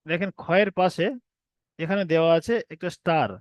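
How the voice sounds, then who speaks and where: A man teaching an online reading class, who explains patiently and drags out each letter name slowly. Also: on the high side, steady tone, no echo. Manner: explains patiently, repeats letter names slowly with long drawn sounds. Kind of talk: recorded online class lesson.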